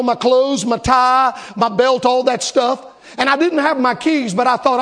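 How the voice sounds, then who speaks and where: High, gravelly preacher man. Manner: animated, climbs into pitched repeated refrains. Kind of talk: storytelling sermon.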